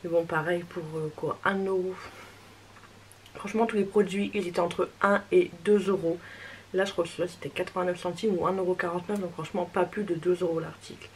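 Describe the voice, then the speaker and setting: A woman's voice: fairly low pitch, fairly even intonation, fairly quick, a little hiss or hum, rough recording. A young woman chatting casually as she tests makeup and reviews it, hesitant and reassuring. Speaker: beauty vlogger.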